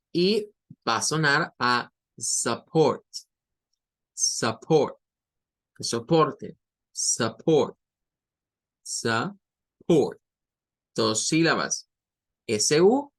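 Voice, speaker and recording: A man teaching English pronunciation in Spanish, repeating each example word slowly and deliberately. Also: a little high, fairly bright tone. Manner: slow, deliberate, repeats example words drawn out. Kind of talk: online pronunciation lesson.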